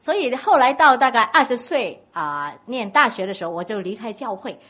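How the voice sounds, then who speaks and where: Woman preacher, Cantonese accent, husky voice, lively swooping pitch, storytelling sermon. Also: moderate pace. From Guangdong, China. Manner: animated storytelling, questions to the congregation.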